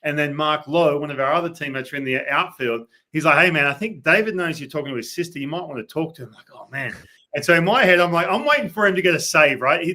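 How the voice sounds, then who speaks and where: Bright-voiced Australian man telling stories. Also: a little high. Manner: animated storyteller who acts out quoted dialogue. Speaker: guest, former baseball pitcher. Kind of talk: casual storytelling on a sports podcast.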